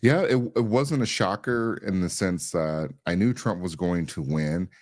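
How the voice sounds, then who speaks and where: Very deep-voiced man, casual and loose. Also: measured pace, no room sound. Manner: colloquial, loose, with many fillers. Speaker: podcast co-host. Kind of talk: casual political chat.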